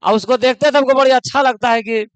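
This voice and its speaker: A man's voice: very high-pitched, steady tone, fast, clear, resonant tone, no room sound, rough recording. A man teaching grammar in a classroom lecture, now and then scolding students in local dialect.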